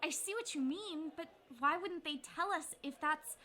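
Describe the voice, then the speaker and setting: A woman playing a skeptical young low-level agent who keeps asking questions. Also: normal speed, sharp tone, slight background noise. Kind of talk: audio drama acting.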